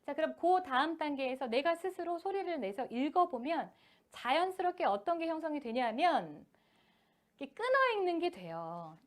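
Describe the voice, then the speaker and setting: Lively, high-pitched woman lecturing parents. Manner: addresses parents politely, acts out parent and child quotes; reads example sentences slowly in spaced phrases. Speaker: education team leader giving a lecture to parents. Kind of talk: lecture to parents on children's reading.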